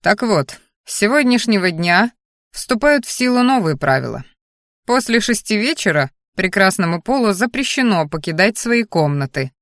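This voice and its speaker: A woman voicing a grey-haired male academy magister who lectures in a calm, measured, reproving way. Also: medium pitch, no room sound, clean studio sound. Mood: lecturing.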